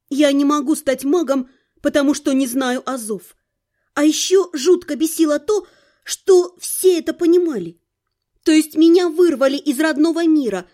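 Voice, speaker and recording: A woman's voice: high-pitched, warm tone. A woman reading a first-person audiobook in an ironic, colloquial storytelling manner. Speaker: audiobook narrator.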